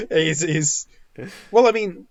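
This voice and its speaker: A man's voice: sits high, expressive, slow pace, crowd noise. A man co-hosting a podcast in casual chat, rambling and restarting his sentences often. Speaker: podcast co-host.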